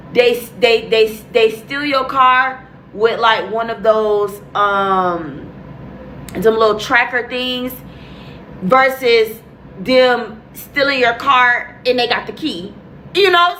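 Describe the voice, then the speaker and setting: A young woman tells a story straight to her viewers, chatty, blunt and full of swearing. Her voice sits a little high and sounds bright. She acts out her own reactions as she goes. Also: a little hiss or hum, poor audio. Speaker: vlogger telling a storytime. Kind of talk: casual storytelling.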